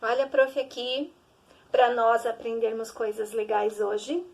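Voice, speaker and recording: A young woman teacher with a Brazilian accent leads an early-grade reading lesson. Her voice sits high, and she speaks slowly in a sing-song way, drawing out each syllable for small children. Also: fairly even intonation, gravelly, darkish tone. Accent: Brazilian Portuguese.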